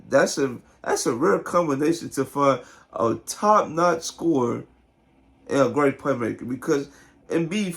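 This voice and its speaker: A man with a hoarse, partly lost voice giving casual, slangy sports commentary straight to his viewers. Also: a little high. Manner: informal, slangy, talks directly to viewers. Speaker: sports video host. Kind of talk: casual basketball commentary to camera.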